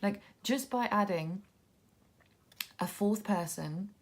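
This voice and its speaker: Slow and medium-pitched, this woman's voice carries the sniffles and mild congestion of a cold. She gives easygoing running commentary on a tarot deck, musing and thinking out loud.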